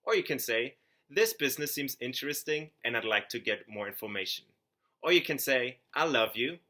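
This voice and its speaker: A young man with a German accent talks straight to camera, pitching his business in an earnest, upbeat way. His voice is bright and forward, and he trips over a word now and then and restarts. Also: expressive, normal speed. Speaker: network marketing consultant. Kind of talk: scripted sales pitch to camera.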